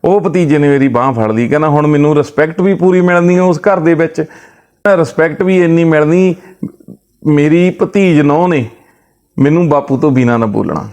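A man's voice: a little high, fairly even intonation, normal speed, darkish tone, clean tone. A man, retelling another man's family story and relaying his words with repeated "he says".

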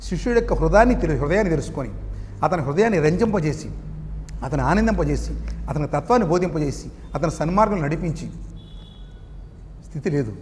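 A man giving a spiritual sermon who chants verses slowly and then explains them, often asking a question and answering it himself. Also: on the high side, expressive, a little mellow, in a large hall, a little hiss or hum. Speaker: spiritual teacher.

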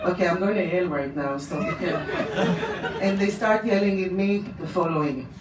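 A woman's voice: lowish voice, normal speed. Israeli-accented woman telling a story live. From Poland. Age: middle-aged. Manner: animated, gesturing, with audience laughter. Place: small dark room, on stage. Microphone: handheld mic on stand, far camera. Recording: roomy, from far off, noisy.

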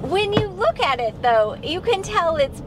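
Woman passenger, bright-pitched and expressive, casual talk, road noise clearly audible. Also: a little slow. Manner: easygoing and conversational. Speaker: host's spouse, passenger. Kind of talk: casual chat. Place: inside a moving car. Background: car and road noise.

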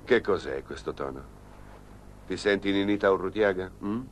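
A man voicing a calm, reasoning father who gently cautions his daughter, in a dubbed telenovela. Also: deep voice, moderate pace, a little hiss or hum, natural voice. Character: patient, worried middle-aged father.

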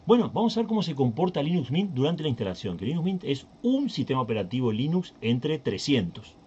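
A man's voice: medium pitch, very animated, a little fast, a little mellow, breathy edge, muffled recording. A Uruguayan man hosting a tech channel, talking casually through a screen recording and thinking aloud with many fillers and restarts. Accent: Uruguayan Spanish.

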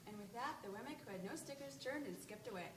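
A woman reading a storybook aloud on stage at a school program, briskly. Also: a little high, lively intonation. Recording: echoey hall, mic far off.

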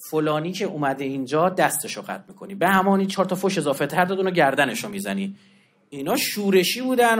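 A religious lecturer with a high voice gives a colloquial talk on religious history. He tells his stories with animation, acting out the quoted exchanges and dropping in street slang and informal asides.

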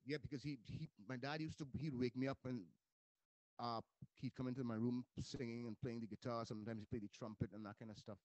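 A man from Trinidad chats loosely as a guest on a video call. His voice sits at a middling pitch and he wanders through stories with frequent restarts. The sound is dry and close. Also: brisk, dry recording. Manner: relaxed, rambling with restarts. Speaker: interview guest, music producer. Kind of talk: casual interview chat.

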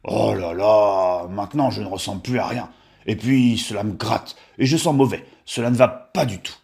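A man's voice: on the low side, lively intonation, normal speed, voice pushed down, lightly acted. A man voicing a fussy, grumbling wolf. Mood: fed up. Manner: grumbling, exclaiming complaints. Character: fussy vain male wolf, never pleased. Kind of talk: storybook reading.

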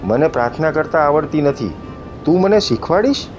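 A man voicing a hardened male sea raider who asks in a halting, humble way, in an audiobook reading. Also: on the high side, sing-song, a little mellow. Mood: humbled. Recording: muffled audiobook recording with faint music.

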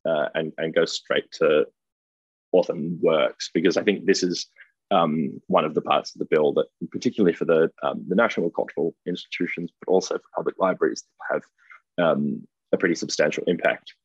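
A man's voice: a bass voice, moderate pace, husky, no echo. A middle-aged Australian man giving a conference keynote over a video call from an office, hesitant with many ums and restarts. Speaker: keynote speaker. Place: indoor office. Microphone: webcam video call. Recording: dull lo-fi call audio.

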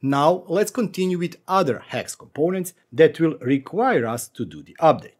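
Lively man walking through software updates. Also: fairly high pitch, normal speed. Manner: animated, wry asides. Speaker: tech channel host. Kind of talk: screen-recorded tutorial narration. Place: home office, indoors.

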